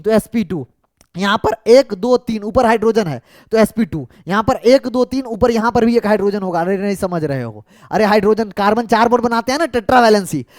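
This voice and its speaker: A man teaching chemistry, coaxing students and answering his own questions in a lower voice. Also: darkish tone, no room sound, clean studio sound. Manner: asks questions and answers them himself in a lower voice; coaxing, calls students "munna". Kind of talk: exam solution lecture.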